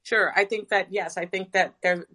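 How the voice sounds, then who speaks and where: A woman physician giving measured, thoughtful answers in a live audio discussion. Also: mid-range voice, fairly even intonation, sharp tone.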